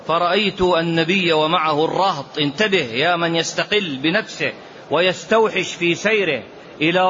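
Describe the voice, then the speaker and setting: Here a sheikh with a high, sharp-toned male voice explains a poem in a religious lesson. He is emphatic, circling back to phrases and lingering over the verses he cites. Slight background noise and faint ambience sit under a dull, lo-fi lecture recording.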